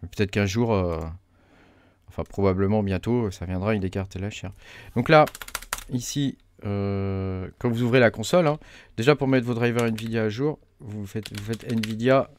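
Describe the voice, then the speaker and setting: A man talking through a software setup tutorial, hesitant with many fillers as he clicks along. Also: on the low side, normal speed, slight background noise. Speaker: crypto mining tutorial host. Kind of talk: casual screen-recorded tutorial.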